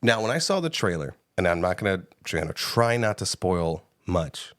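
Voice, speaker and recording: A man co-hosting a podcast, giving a casual, animated movie review with frequent swearing and laughter, close on the mic. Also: sits low, moderate pace, no echo. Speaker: podcast co-host. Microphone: close studio mic.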